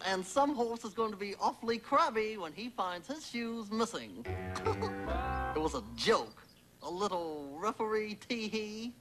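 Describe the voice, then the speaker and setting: Stuffy punny referee, drawn out, bouncy pitch. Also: male voice, animated, measured pace. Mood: jokey. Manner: pompous, punny, chuckling. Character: fussy self-appointed horseshoe referee. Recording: studio voice with music behind.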